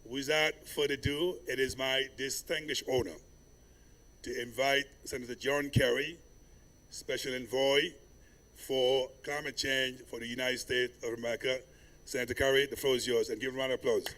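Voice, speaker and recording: A man's voice: mid-range voice, steady tone, a bit bright. Man from Senegal moderating a summit. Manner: measured, ceremonial address. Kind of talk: formal conference moderation. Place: large conference hall.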